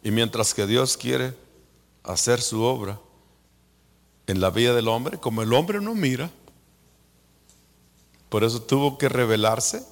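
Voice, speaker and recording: A Guatemalan man with a Guatemalan Spanish accent preaches in a gravelly voice with a rough edge of fry. His delivery is unhurried and deliberate, and it swings from hushed whispers to fervent shouts. The sound carries the long echo of a large hall. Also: medium pitch. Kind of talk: sermon.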